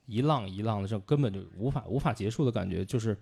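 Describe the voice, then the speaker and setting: A man's voice: fairly low pitch, quick pace, gravelly, dark tone, slightly rough. A man co-hosting a livestream about classical music, explaining patiently with frequent hesitations.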